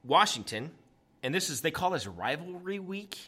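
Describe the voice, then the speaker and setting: A man's voice: a little high, very animated, moderate pace, bright, forceful tone, breathy edge. A man hosting a sports podcast in casual banter, amped up and teasing, pronouncing his R's like W's.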